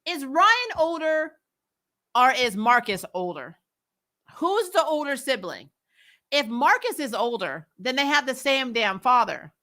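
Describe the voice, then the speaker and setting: A woman hosts a TV recap show, offering casual, blunt fan commentary and replying to live comments with strong, exasperated opinions and plenty of swearing. Her voice sits high and sounds bright and forceful.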